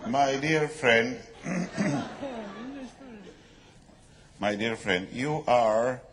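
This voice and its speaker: An actor playing a smug, pedantic scholar in a live comedy sketch, lecturing about pronunciation. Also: male voice, mid-range voice, crowd noise. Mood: pompous. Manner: pompous, lecturing, drawn-out pronunciation. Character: pedantic learned male scholar, smug and fussy. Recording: live show with background noise.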